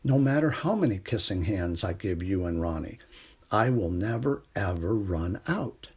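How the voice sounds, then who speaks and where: A man voicing a tender, motherly female raccoon from a children's storybook, gently soothing and reassuring. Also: sits low, animated, normal speed, husky, voice pushed down. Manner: gentle, soothing, warm delivery.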